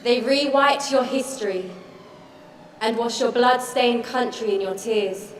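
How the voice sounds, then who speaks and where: A woman reciting a scripted spoken-word monologue in a measured, rhythmic way. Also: fairly high pitch, echoey room, in a large hall, distant mic, a little hiss or hum, natural voice.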